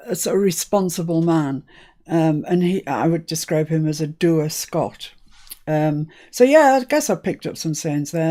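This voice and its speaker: A Scottish-born woman runs a live crafting stream, chatting informally and often breaking into laughter, using a live-stream mic setup. Her voice sits low with a warm tone.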